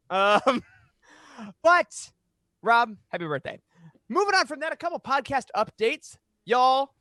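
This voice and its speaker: A man in his thirties hosts a podcast from a small home studio, speaking close to a boom-arm microphone in an upbeat, chatty style. His voice is high-pitched, bright, and forceful, and the recording is dry.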